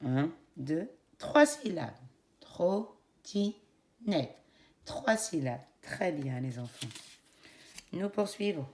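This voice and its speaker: A woman teacher with a low-pitched, animated voice and a French accent gives young children a phonics lesson. She goes slowly and encouragingly, spelling out each syllable.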